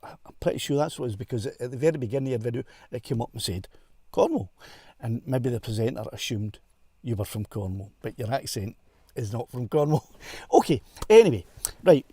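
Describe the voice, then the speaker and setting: A Scottish man chats his way through a live stream from inside a car, talking into a clip-on mic. His voice is warm and mellow, recorded close and dry. He rambles in a friendly, self-mocking way and laughs often. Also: medium pitch, no room sound. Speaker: livestream host. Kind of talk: casual live-stream chat. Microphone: clip-on wireless mic.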